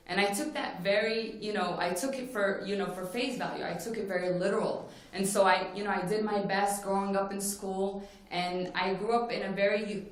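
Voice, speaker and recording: A woman from Morocco giving an earnest personal talk at a forum, telling her story with frequent "you know" fillers. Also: mid-range voice. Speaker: forum speaker. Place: conference plenary hall. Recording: very echoey hall.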